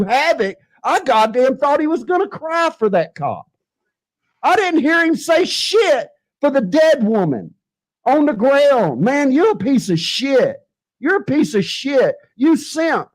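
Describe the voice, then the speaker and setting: A man in an angry, profane off-the-cuff rant, repeating himself and cursing at other channels. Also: extremely high pitch. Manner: furious, profane, repetitive. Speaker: livestreamer ranting at other channels.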